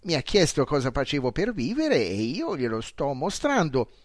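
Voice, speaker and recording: A man's voice: fairly high pitch, wildly swooping pitch, moderate pace, dry recording, studio quality. A man voicing a sly, boastful little male pickpocket with a smug, gloating way of talking, in an audiobook. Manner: smug, gloating, proud of his skill. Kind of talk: audiobook character voice.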